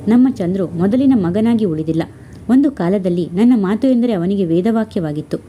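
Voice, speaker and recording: A woman's voice: medium pitch, animated, moderate pace, dark tone, husky. A woman voicing an anxious older mother who talks in a fretful, complaining way in a read-aloud story. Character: anxious old mother, grieving.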